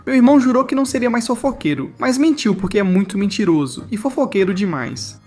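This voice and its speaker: Animated man narrating comic stories. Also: high-pitched, quick pace, faint music behind. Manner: animated, exaggerated comic delivery. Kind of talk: scripted comedic story narration.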